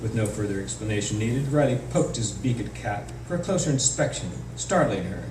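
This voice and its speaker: An author reads narrative prose from his novel at a live indoor event, his low-leaning voice expressive and brisk. The recording comes from a distant microphone in an echoey, noisy room.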